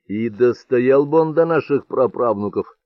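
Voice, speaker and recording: A man's voice: medium pitch, lively intonation, measured pace, no room sound, muffled recording, voice pushed up, close to an everyday voice. A man reading an audiobook, voicing a thoughtful warlord in an earnest, musing tone.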